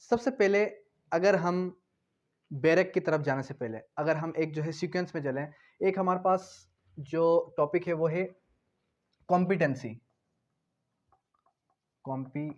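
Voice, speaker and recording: Speaking at a measured pace with frequent pauses, a man with a Pakistani accent and a slightly high voice teaches law through a didactic, repetitive explanatory lecture. He mixes Hindi-Urdu with English legal terms, repeating key terms and posing questions he then answers himself. The audio sounds dull.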